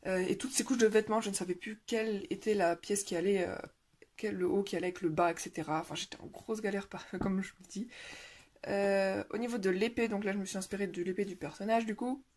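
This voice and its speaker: A woman's voice: mid-range voice, steady tone, fast, darkish tone. A young woman chatting casually about her coloring pages, with lots of fillers and restarts. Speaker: coloring vlogger. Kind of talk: casual show-and-tell chat. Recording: faint background noise and clicks.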